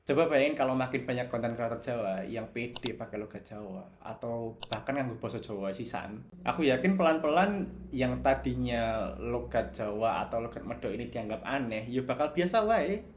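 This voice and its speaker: A young man from Java speaks with a clear Javanese accent in a relaxed, reflective commentary, easily switching between Javanese, Indonesian and bits of English. His voice sits at an ordinary middle pitch. A faint noise runs underneath the recording. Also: moderate pace. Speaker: video essayist.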